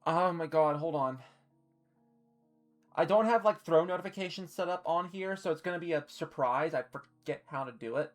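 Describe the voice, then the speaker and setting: A woman's voice: deep voice, normal speed, faint music behind. A woman live-streaming, chatting casually and swearing freely while she ranks costumes, hiccuping and a little flustered.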